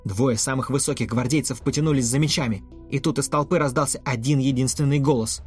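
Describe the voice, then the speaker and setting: A man narrating a fantasy story in a steady, measured audiobook reading. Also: mid-range voice. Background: faint music.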